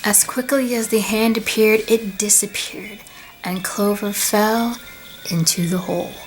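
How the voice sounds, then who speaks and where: A woman narrating a storybook tale with soft, deliberate pauses. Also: mid-range voice, fairly even intonation, music in the background. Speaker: storyteller and video creator.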